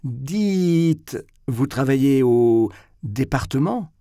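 A man's voice: mid-range voice, lively intonation, extremely slow, warm tone, no room sound, clean studio sound, voice pushed up. A man reading a novel aloud, voicing a smug young man who questions a guest condescendingly and bosses the table. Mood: patronizing. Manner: patronizing, bossy questioning. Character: smug condescending young male host of a dinner. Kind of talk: audiobook character reading.

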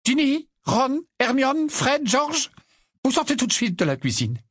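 A fierce, shrill mother figure in a spoken storybook, as a male reader puts her on — very high and loud, flaring with protective anger. The voice is husky, and the delivery swings widely. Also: big pitch swings, unhurried, no room sound, clean studio sound, heavily acted. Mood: commanding. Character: fierce protective mother, middle-aged woman.

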